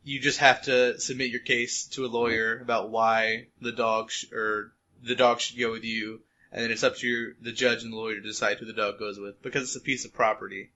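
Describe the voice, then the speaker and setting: A man's voice: mid-range voice, bright, forceful tone. A man co-hosting a podcast in casual chat, joking and teasing his co-host. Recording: muffled lo-fi recording.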